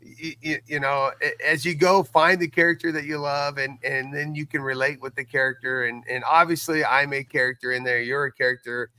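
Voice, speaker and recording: A man guests on a podcast as co-creator of an audio drama, chatting casually with enthusiasm and emphasis while frequently stammering and repeating words. His mid-range voice is smooth and sharp, holding a steady tone at a slightly quick pace.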